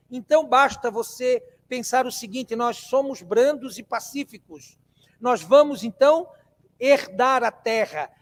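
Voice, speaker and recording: A Brazilian man delivers a spiritist talk in a meeting hall, his voice unusually high. He talks conversationally, poses questions to his listeners and repeats phrases to drive points home. The sound carries a long reverb from the room. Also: a bit bright. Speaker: spiritist lecturer. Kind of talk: spiritist lecture to a live audience.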